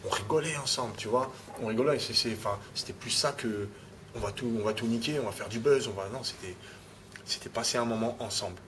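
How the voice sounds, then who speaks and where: A man's voice: mid-range voice, a little fast, fairly bright tone, a little hiss or hum. A man, a rapper being interviewed, talking casually and often restarting his phrases with "tu vois". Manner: repeats words, restarts phrases, adds "tu vois".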